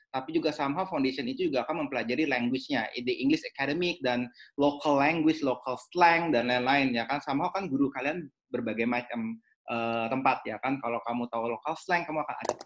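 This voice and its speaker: A man, an education consultant giving chatty advice in a webinar, mixing in English phrases. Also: mid-range voice.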